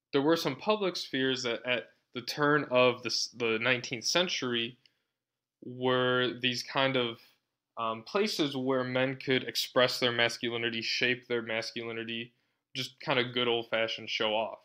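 A man's voice: mid-range voice, fairly even intonation, measured pace, sharp tone, smooth. A man giving a university lecture in a conversational way, often checking in with "right?" and using a sarcastic tone. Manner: conversational, frequent tag question "right?".

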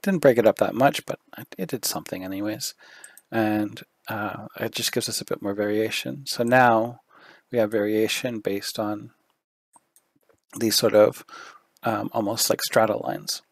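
A 3D artist talks through a screen-recorded software tutorial in a low, hoarse voice with a fry edge, unhurried and relaxed, thinking aloud with fillers. He's losing his voice and keeps clearing his throat. The recording is dry and close-miked.

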